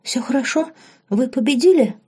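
A woman's voice: sits high, lively intonation, moderate pace, a little mellow, slightly rough, voice pushed up. Woman voicing a sleepy innocent girl.

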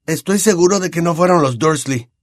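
A man voicing a thoughtful teenage boy in an audiobook, measured and puzzled. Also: a little high, no room sound, studio quality, pitched above the performer's own voice, natural voice.

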